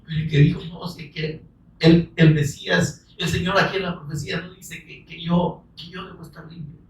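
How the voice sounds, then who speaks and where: A man preaching a sermon, fervent and rising to shouts, calling listeners brother. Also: fairly high pitch, fairly even intonation, normal speed. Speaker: pastor. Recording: echoey room, voice from far off the mic.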